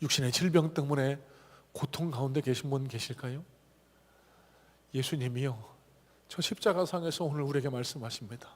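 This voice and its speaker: A male pastor preaching a sermon with passion, moving between hushed whispers and loud, pleading appeals to the congregation. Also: mid-range voice, moderate pace, long pauses, long reverb tail. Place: church sanctuary.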